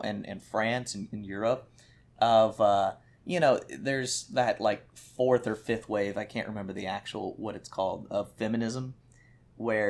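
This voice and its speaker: A man co-hosting a podcast in casual chat, opinionated and animated, acting out quotes. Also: fairly low pitch, gravelly. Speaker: podcast co-host.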